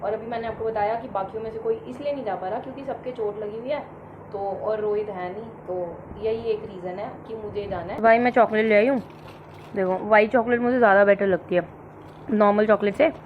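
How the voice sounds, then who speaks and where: A woman's voice: mid-range voice, fairly quick. A sick woman with a fever, chatting casually to the camera at home and addressing her viewers directly. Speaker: vlogger. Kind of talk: casual vlog chat to camera. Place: at home, indoors. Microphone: camera set in front of her. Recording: echoey room, dull and noisy.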